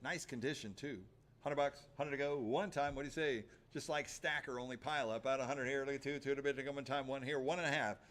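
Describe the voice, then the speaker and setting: A man's voice: medium pitch, fairly even intonation, quick pace, a bit bright. A man working as an auctioneer, chanting bids in a rhythmic, repetitive patter of numbers and stock phrases.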